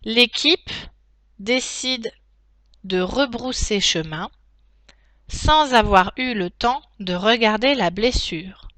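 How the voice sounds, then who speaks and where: A woman teacher dictating a text to pupils, phrase by phrase, in a deliberate, carefully articulated way with pauses. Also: fairly high pitch, animated, fairly bright tone, no room sound. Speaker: primary school teacher.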